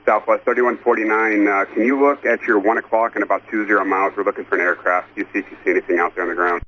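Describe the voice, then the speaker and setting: A man with a lowish, steady voice talks very fast as an air traffic controller. He gives procedural instructions and repeats callsigns on a muffled radio channel with light noise.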